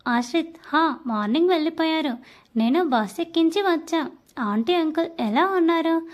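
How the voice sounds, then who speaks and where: A woman's voice: extremely high pitch, animated, moderate pace. A woman voicing a playful, affectionate young man who banters with friends and family.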